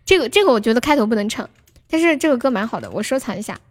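A woman's voice: a little high, sing-song, racing. A young woman hosting a casual livestream, chatting with viewers, laughing often and reading out their names. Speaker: livestream host.

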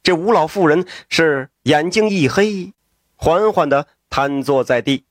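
A man telling a story in a traditional storytelling style, lively with folksy asides and exclamations. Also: a little high, measured pace, dry recording, studio quality.

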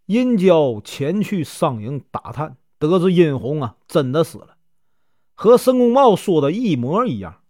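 A man's voice: a little high, sing-song, measured pace, a little mellow, no echo, studio quality. A man retelling a classic legend as a storyteller, in a chatty folk style full of filler particles.

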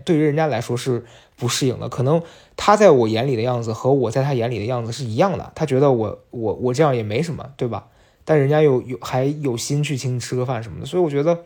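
This podcast host, a young man, shares a story from his own life in a relaxed monologue, confiding in his audience as if chatting directly with them. His medium-pitched voice carries vocal fry and sounds a little mellow and slightly rough.

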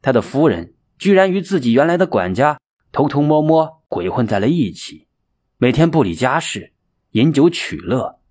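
A male storyteller narrates a folk tale with dramatic expression and a lively, wide-ranging voice. His tone is husky and breathy at a middle pitch. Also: moderate pace. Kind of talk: audiobook storytelling.

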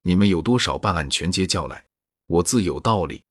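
A ruthless young swordsman villain, voiced by a male reader sneers through his boasts. The voice sits deep and a little husky. The sound is dry and close. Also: animated, brisk, no room sound. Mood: cold mocking.

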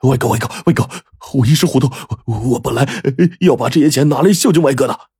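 A man's voice: fast, mellow, slightly rough, no echo, studio quality. A man doing a stammering, pleading thug. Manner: stammering, high and frantic.

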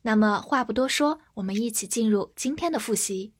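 A woman's voice: on the high side, lively intonation, fairly quick, breathy edge. A woman English vocabulary teacher giving an upbeat, scripted introduction to her lesson and speaking straight to her listeners. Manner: upbeat, addresses listeners directly.

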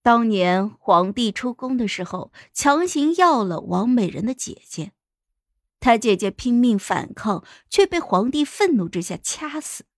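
A woman storyteller narrating a first-person palace story, softly dramatic and deliberate. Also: a little high, sing-song, dry recording, studio quality.

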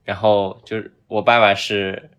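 A man's voice: fairly low pitch, flat delivery, unhurried, a bit bright, clean tone, lo-fi sound. A man from southern China with a northern-tinged southern Chinese accent, chatting casually and explaining things as a podcast host. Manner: bantering, explanatory.

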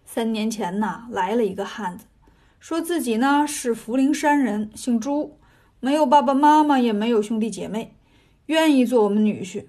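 High-voiced woman telling a folk tale. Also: moderate pace. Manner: lively, folksy colloquial telling. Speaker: storyteller. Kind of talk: storybook narration.

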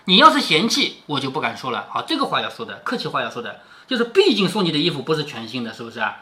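A man's voice: on the high side, huge pitch swings, rapid-fire, pushed and bright. A man reading a classic novel aloud to his daughter, stopping often to explain it in a chatty way and tossing in tag questions. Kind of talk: storytelling with explanatory commentary.

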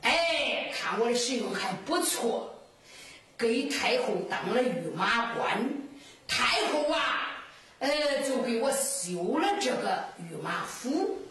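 A boastful, tipsy imperial horse keeper, voiced by a woman in Henan folk storytelling, his lines half-sung and drawn out with a Henan accent. The voice sits high and swings widely in pitch. It comes from far off in a very echoey, noisy live recording. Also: big pitch swings, slow, fairly bright tone, heavily acted.

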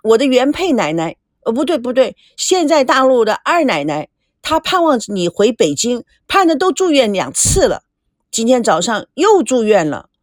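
A woman's voice: fairly high pitch, very animated, moderate pace, no room sound, studio quality. A woman reading aloud and voicing a willful, headstrong teenage girl who insists and pouts. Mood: wilful, pleading. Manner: insistent, pouting, sharp outbursts.

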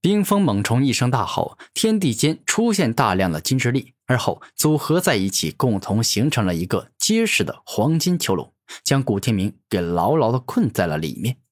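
A man narrates a fantasy novel in scripted, expressive storytelling. His voice sits at a middle pitch and moves through lively rises and falls. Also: normal speed, few pauses.

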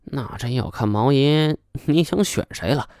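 A sly, smug middle-aged schemer, as a man voices him in an audiobook, wheedling and teasing and drawing out his sayings. The voice sits a little higher than the reader's own, with a lively, swooping lilt. The sound is dry and close. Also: a little slow, no echo. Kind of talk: audiobook character voice.

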